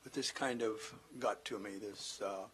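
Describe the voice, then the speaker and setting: A man's voice: fairly low pitch, steady tone, measured pace, fairly bright tone, breathy edge, rough recording. A man giving an indignant public comment at a city council meeting.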